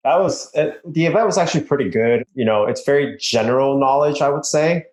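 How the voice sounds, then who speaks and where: A man's voice: medium pitch, fairly quick. Young male guest from Malaysia, mid-range voice, loose storytelling manner, echoey room sound. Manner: relaxed, frequent fillers and short laughs. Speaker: podcast guest, business owner. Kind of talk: casual interview. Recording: roomy echo.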